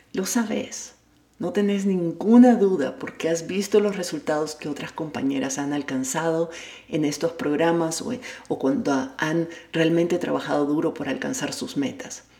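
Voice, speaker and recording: A life coach and podcast host with a low, warm voice gives a motivational monologue in an echoey room. Spanish is her first language, and she is an adult with a child at home who speaks directly to listeners in a candid, self-deprecating way.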